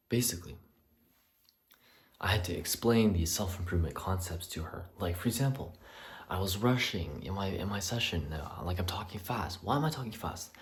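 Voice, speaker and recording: A young male vlogger rambles through a personal rant, swearing freely, restarting his thoughts, and sometimes dropping to a whisper. His low voice has lively intonation at a moderate pace with long pauses. He's recorded in a small bathroom with echo and faint ambience.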